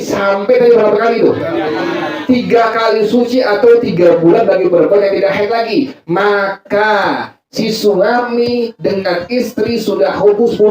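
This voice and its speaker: A man preaching a joking religious lecture, teasing the crowd and asking them to fill in answers. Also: sits high. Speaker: Islamic preacher. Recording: echoey hall, far mic, loud crowd laughter. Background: loud crowd laughing.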